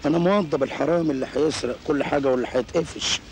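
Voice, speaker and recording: A man's voice: a little high, rapid-fire, darkish tone, close to an everyday voice. An actor playing a scheming, boastful con man, speaking with an Egyptian accent in an old film. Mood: plotting. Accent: Egyptian Arabic. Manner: boastful, cocky, teasing. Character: scheming smooth-talking male con man. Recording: echoey film soundtrack with hiss.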